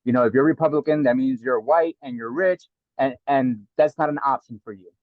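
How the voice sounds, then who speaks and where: A different man, a guest from the South Bronx in New York, talks casually in an interview. He speaks briskly at a medium pitch, earnest and reflective, repeating words as he thinks, and the audio is dry and muffled with no echo.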